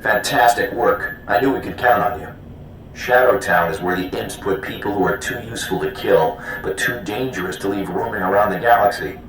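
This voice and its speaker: A man plays a confident intelligence contact in a video game, with a slightly low voice. He talks casually, with wry ease. Heavy echo surrounds him, along with a faint rumble. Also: moderate pace, fairly bright tone, close to an everyday voice. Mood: wry, encouraging. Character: easygoing, confident male military intelligence contact. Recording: very echoey, faint rumbling noise.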